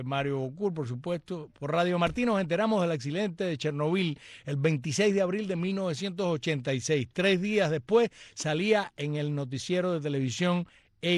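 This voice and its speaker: Male host, slightly high pitch, dry studio sound, chatty, jokey, reads out listener greetings. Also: moderate pace, no room sound. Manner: chatty, joking asides and greetings. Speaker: radio and live-stream host. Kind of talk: reading out listener comments.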